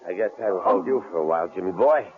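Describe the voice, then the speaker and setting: Racing along with lively intonation in a low-pitched voice, an actor voices a cold-blooded, menacing male intruder in an old 1940s radio drama, taunting and leering. A tinny sound and faint hiss mark the vintage broadcast.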